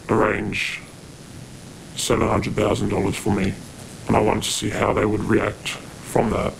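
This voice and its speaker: A man giving recorded testimony in a court, speaking in a halting, measured way, his voice altered to disguise it. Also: creaky, slight background noise, rough recording. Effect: voice altered to sound deeper. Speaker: court witness.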